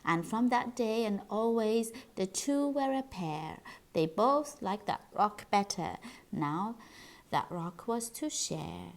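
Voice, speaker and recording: A woman reading a rhyming children's picture book aloud in an expressive, sing-song storytelling style. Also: medium pitch, takes it slowly, vocal fry.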